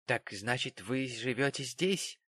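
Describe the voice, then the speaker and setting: A man voicing a shy, modest young man who talks softly and hesitantly. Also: mid-range voice, expressive, slow pace, slightly rough, no room sound, exaggerated voice. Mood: bashful. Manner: soft, hesitant.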